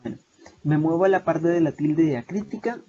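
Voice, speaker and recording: A young man with a Salvadoran Spanish accent explains a lesson over a video call, his voice pitched a little high and mellow in tone. He talks steadily but fills his pauses with many hesitations and restarts. The call sounds dull and lo-fi, with a faint hiss behind him. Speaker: online tutor. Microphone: video call mic.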